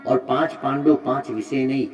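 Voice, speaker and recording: A man giving a devotional sermon, retelling a religious story and appealing to the mothers listening. He shifts dramatically between loud exhortation and soft asides. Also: mid-range voice, normal speed. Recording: muffled distant mic with music.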